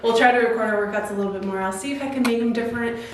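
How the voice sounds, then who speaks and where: Woman, slightly high voice, casual giggly home-fitness vlogger, salty language, very roomy distant sound. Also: very fast. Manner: informal, giggly, swears freely. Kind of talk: casual chat to camera and partner. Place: indoors at home, echoey room. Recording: very echoey room, off-mic, faint hiss.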